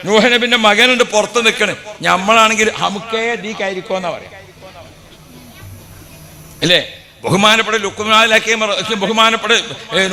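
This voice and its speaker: High bright-voiced preacher in a hall. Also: male voice. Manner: animated storytelling with rhetorical questions and acted quotes. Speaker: Islamic preacher. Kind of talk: sermon.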